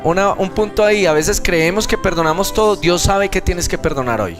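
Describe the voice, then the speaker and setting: Earnest high-voiced Colombian preacher. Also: male voice, fairly quick, over music. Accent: Colombian Spanish. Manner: earnest storytelling, acts out dialogue in other voices. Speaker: seminar preacher. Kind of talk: sermon with personal testimony. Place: seminar hall.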